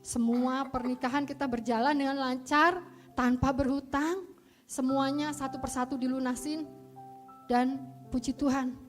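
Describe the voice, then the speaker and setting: A woman's voice: high voice, steady tone, measured pace, faint music behind. A woman giving a personal testimony in church, telling her story earnestly and emotionally and voicing her prayers aloud. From Indonesia.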